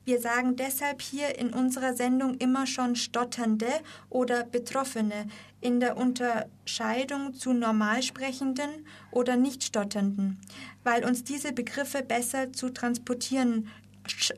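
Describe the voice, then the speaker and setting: High-voiced woman hosting a radio show. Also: fairly even intonation, unhurried. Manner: reads from a script, sometimes stutters on a word. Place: radio studio.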